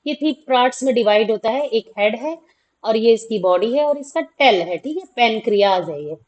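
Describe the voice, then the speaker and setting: A woman's voice: a little high, animated, moderate pace, a little mellow, dull audio. A woman teaching a school science lesson, asking questions and answering them herself, with frequent check-ins to students. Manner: repeats questions and answers them, many "theek hai" checks. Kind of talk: classroom explanation of a class 10 lesson.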